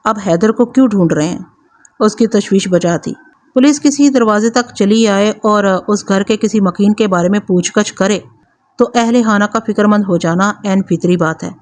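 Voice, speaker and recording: A woman storyteller giving a scripted narration of a crime story in a steady, even reading voice. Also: medium pitch.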